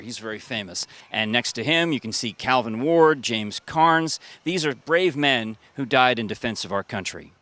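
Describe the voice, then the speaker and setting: A TV host with a medium-pitched, bright, forceful voice presents a local feature outdoors in a city park, with an upbeat, folksy, tour-guide delivery.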